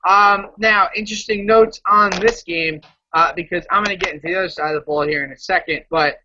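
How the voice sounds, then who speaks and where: A man's voice: high voice, steady tone, brisk, sharp tone, slight background noise. A man co-hosting a fantasy football podcast in casual chat, opinionated and jokey, running the segments. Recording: dull lo-fi audio.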